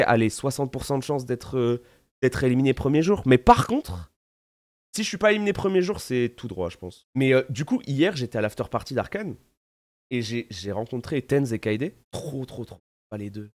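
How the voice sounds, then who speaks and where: A man from France with a French accent, chatting casually to his viewers in an animated, slangy way, full of fillers and restarts. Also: fairly high pitch. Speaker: streamer. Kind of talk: casual recap chat to viewers.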